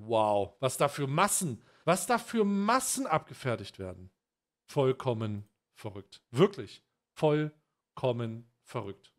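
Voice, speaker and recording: A man reacting to a video as a streamer, giving casual commentary with exclamations and repeated reactions. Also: on the high side.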